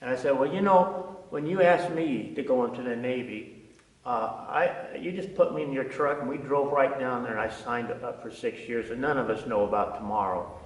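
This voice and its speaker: An older man, a former navy diver, telling a personal testimony in an earnest, halting way with frequent restarts. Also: mid-range voice. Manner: earnest storytelling, frequent uh and repeated words. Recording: echoey hall, from a distance.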